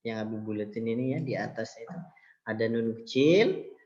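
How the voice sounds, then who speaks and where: With a darkish, mid-range voice at an ordinary pace, a man teaches Quran recitation, breaking into chanted verses as he patiently explains tajwid and calls his listeners children. The audio is lo-fi, roomy and dull.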